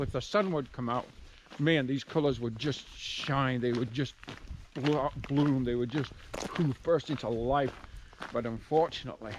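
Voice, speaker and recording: A medium-pitched hiking vlogger chats casually to viewers while walking outdoors on a rural trail and country road, rambling and cutting himself off as he muses. He uses a handheld camera, and outdoor background noise and ambience are present.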